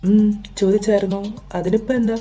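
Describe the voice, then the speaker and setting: A woman voicing a caring, protective young man who is an older brother, in an audio drama, speaking in a gentle but insistent, coaxing way. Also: mid-range voice, level tone, brisk, faint music behind, lightly acted. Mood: coaxing concern. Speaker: voice actor in fan audio drama.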